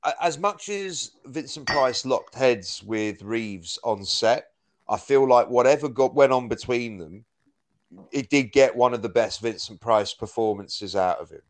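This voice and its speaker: A man's voice: medium pitch, animated, measured pace, slight background noise. A man co-hosting a podcast, chatting casually about a film in a rambling way, full of "like" and restarts. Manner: rambling, heavy use of "like". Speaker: podcast co-host. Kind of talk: casual film review chat.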